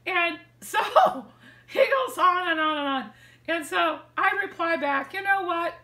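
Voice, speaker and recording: A woman's voice: very high-pitched, unhurried. An older woman telling a story casually to the camera in her living room, acting out the lines she quotes. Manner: animated, acts out quoted lines with hand gestures. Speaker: vlogger sharing dating advice. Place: living room, seated in armchair indoors. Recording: echoey room.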